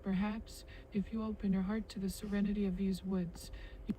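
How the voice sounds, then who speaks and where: Woman doing a humble ancient forest spirit for a game, flowery solemn talk, mellow, barely varies in pitch. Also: little pitch movement, moderate pace, slight background noise, natural voice, rough recording. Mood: serene, gracious. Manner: flowery, solemn storybook speech. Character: kindly female forest spirit, humble ancient guardian of the woods. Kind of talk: scripted video game character dialogue.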